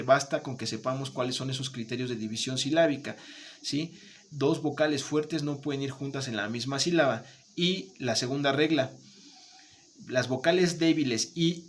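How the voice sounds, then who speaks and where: A man's voice: medium pitch, a little hiss or hum. A man teaching a remote lesson, patient, checking in often with his students. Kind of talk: remote Spanish grammar lesson.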